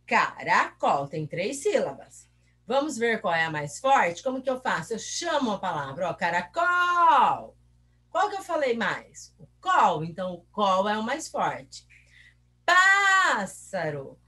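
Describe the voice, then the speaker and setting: A woman's voice: mid-range voice, big pitch swings, normal speed, fairly bright tone, slightly rough. A woman teacher, giving a recorded review lesson for pupils. She asks the class questions patiently and stretches out example words syllable by syllable.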